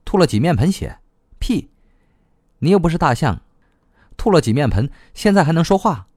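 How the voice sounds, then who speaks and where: A brash young woman who scolds and swears with a quick temper, as a man puts her on in an audiobook. Her voice sits high and swings widely, recorded dry with faint music underneath. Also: sing-song, darkish tone, husky, no echo. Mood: gruff teasing. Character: hot-tempered blunt young woman cousin. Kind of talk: audiobook reading.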